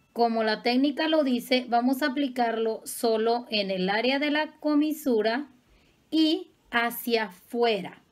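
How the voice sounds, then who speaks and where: A woman, a makeup artist giving a patient, affectionate step-by-step makeup tutorial. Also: fairly high pitch.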